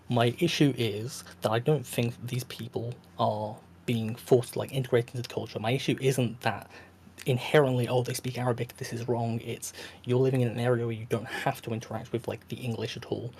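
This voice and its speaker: A tired man, a guest in a casual late-night online debate, speaks briskly in a level, medium-pitched voice that is husky and darkish. He's hesitant, leans heavily on fillers, and often restarts his sentences.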